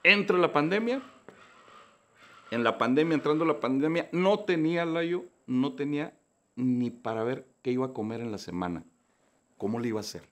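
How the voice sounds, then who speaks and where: A man in his forties with a Mexican Spanish accent, a voice-actor guest telling his story in a slangy, animated way. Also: mid-range voice, moderate pace. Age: 40s. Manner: animated, slangy, acts out dialogues. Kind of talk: casual storytelling interview.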